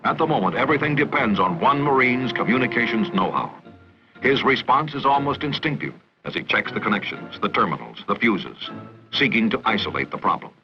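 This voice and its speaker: A man's voice: medium pitch, lively intonation, fairly quick. A man with an American accent reading scripted narration for a 1960s military training film. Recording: muffled vintage film soundtrack with music. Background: music.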